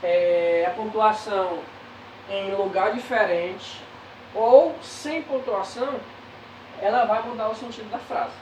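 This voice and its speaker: A Brazilian woman teaching a grade-school class, pausing with drawn-out fillers between phrases. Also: mid-range voice, a little mellow, distant mic, slight background noise. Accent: Brazilian Portuguese. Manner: slow, hesitant, many drawn-out fillers. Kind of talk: recorded remote lesson. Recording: echoey room, voice off-mic.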